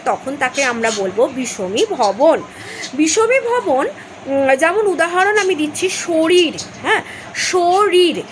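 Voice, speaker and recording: Slow, high-voiced woman teaching grammar. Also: a little hiss or hum, rough recording. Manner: slow, explaining with fillers and checks. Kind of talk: grammar lesson.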